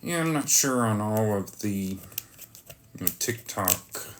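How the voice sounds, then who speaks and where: Slow, halting live stream host. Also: mid-range voice, animated, a little hiss or hum. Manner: drawn-out, halting delivery, breaking off to greet viewers. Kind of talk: casual live stream chat while unboxing oracle cards.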